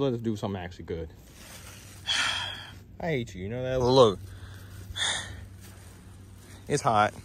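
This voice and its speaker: A man vlogging outdoors near the woods in a rough morning voice, bantering, grumbling and joking as he talks. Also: medium pitch, bright, forceful tone. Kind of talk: casual outdoor vlog chat.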